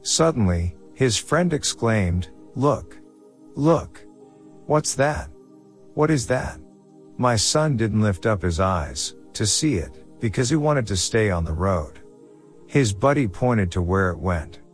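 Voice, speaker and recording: A man narrating a horror story in a steady, measured way. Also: fairly low pitch. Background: faint background music.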